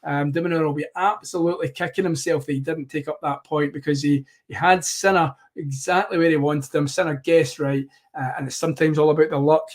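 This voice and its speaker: Hosting a live watchalong of a tennis match, a man narrates the action play by play, rambling and self-correcting. His voice is a little high and slightly hoarse, steady in tone, and brisk.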